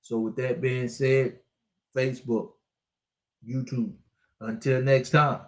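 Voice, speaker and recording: A man's voice: mid-range voice, level tone, slow, reverberant. A man in his sixties giving a preachy, repetitive motivational talk to his online viewers as a spiritual life coach. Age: 60s.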